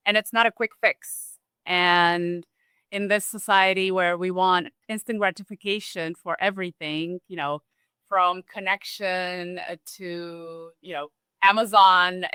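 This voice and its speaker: A woman from Romania talking as a guest in a relaxed, thoughtful interview, with restarts and small laughs. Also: lowish voice, clear, resonant tone, dry recording. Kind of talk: casual conversational interview.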